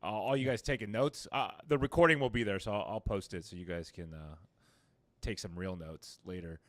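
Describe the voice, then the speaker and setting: A man's voice: lowish voice, a little fast, no room sound. A man hosting an interview over a video call, speaking in a loose, laid-back way with lots of fillers. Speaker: interview host.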